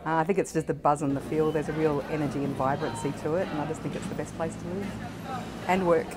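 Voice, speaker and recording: A woman's voice: sits low, fairly even intonation, quick pace, noisy background. A woman, a local business owner, speaking enthusiastically in a street interview. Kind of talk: vox pop interview. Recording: clear music behind the voice.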